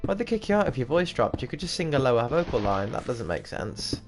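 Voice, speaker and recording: A fast-talking man in his twenties, an English gaming streamer with a British accent, rambles casually over game music while playing and laughs often. His medium-pitched voice swings widely in pitch.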